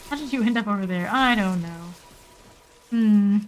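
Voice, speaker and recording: A woman's voice: medium pitch, normal speed, slight background noise. A woman giving casual live gameplay commentary, muttering in short clipped fragments as she thinks aloud. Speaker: game streamer.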